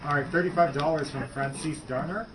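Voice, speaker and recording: A man's voice: fairly high pitch, brisk, crowd noise, low-quality recording. A man reading donor names and messages aloud at a live gaming marathon, joking with the people around him. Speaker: donation reader. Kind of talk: casual donation reading at a live event. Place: indoors at a live marathon event.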